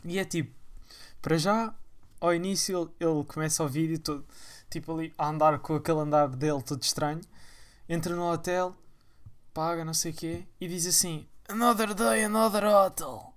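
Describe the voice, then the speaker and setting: A man's voice: on the high side, level tone, brisk. A young man with a European Portuguese accent talks straight to his viewers in a loose vlog monologue. He rambles from one point to the next, full of slang and teasing mockery. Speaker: vlogger.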